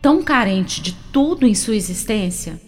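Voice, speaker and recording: A woman with a Brazilian accent presenting a radio segment in a measured, unhurried scripted narration. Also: medium pitch, animated, a little mellow, soft background music.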